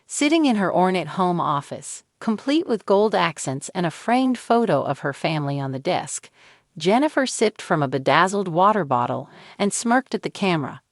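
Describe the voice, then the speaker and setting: Lady reading celeb gossip news, kinda low voice, totally dry close mic. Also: no room sound. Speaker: entertainment news narrator. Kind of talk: scripted narration.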